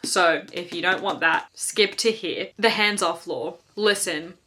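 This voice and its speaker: A young woman vlogging from home about her reading, her voice bright and ringing. She talks with a slight lisp from a swollen tongue and rants emphatically, piling up fillers and repeating herself for effect. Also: fairly low pitch, measured pace, a little hiss or hum. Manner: animated, emphatic ranting with frequent fillers. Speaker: book vlogger. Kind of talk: casual reading wrap-up chat.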